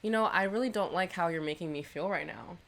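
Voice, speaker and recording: A young woman co-hosts a casual podcast, chatting loosely, swearing freely, and saying "like" a lot. Her voice is lowish and gravelly, and she talks fast.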